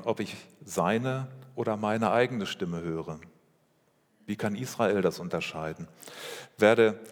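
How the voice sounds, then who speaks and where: A man preaching a sermon as pastor, speaking in a measured way with rhetorical questions and repeated phrases. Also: on the low side. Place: church. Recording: long reverb of a church hall.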